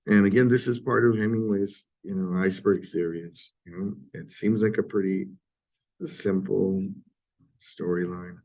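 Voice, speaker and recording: A man giving an informal recorded literature lecture in a halting way, often clearing his throat, his voice hoarse and giving out from a sore throat. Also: deep voice, steady tone, warm tone, poor audio.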